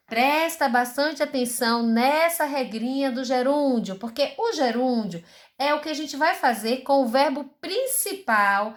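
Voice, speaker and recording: A woman's voice: sits high, fairly bright tone. A woman teacher with a Brazilian Portuguese accent giving a recorded school lesson, explaining patiently and asking rhetorical questions.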